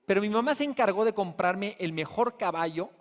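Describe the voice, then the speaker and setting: Lively Bolivian man giving a keynote. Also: sits high, fairly quick. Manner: lively storytelling, addressing the audience with rhetorical questions. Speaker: conference speaker. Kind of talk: motivational keynote talk. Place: conference hall.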